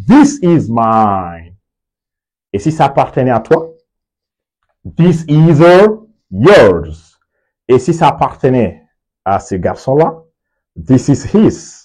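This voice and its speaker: Husky-voiced man teaching English pronouns. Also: medium pitch, mellow, rough recording. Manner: slow drilled repetition, frequent check-ins. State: sweaty, just came from the sports field. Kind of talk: video lesson, explaining in French with English examples.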